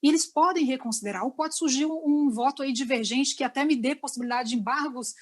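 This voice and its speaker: This Brazilian-accented woman talks quickly in a high-pitched voice while teaching lawyers over a video call. Her lecture moves step by step, and she frequently pauses to check in with the audience.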